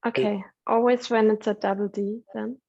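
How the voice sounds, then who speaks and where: A woman's voice: medium pitch, little pitch movement, moderate pace, darkish tone, no room sound. Woman, beginner language student, hesitant, repeats after teacher, dull lo-fi call audio, dry sound.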